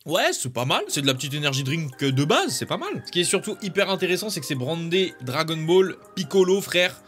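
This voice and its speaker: Excitable young man with a high voice. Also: brisk, faint music behind. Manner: excitable and jokey, loud exclamations, slangy. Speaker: YouTuber. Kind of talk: casual unboxing chat.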